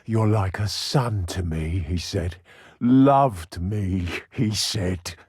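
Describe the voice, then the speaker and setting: An actor playing a menacing, deranged Victorian serial killer in a video game, husky and gravelly, with a theatrical, taunting delivery. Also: male voice, low-pitched, darkish tone, dry recording, clean studio sound, full character voice. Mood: brooding menace. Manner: theatrical, taunting, drawn-out delivery swinging between murmur and roar. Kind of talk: video game villain voice acting.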